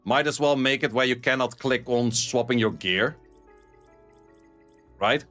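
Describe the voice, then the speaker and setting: A streamer and esports caster from the Netherlands, speaking with a Dutch accent, chats casually with his stream and reads viewer messages in a blunt, sweary way, laughing often. His medium-pitched voice has a sharp tone and a slightly slow pace, with faint music behind it.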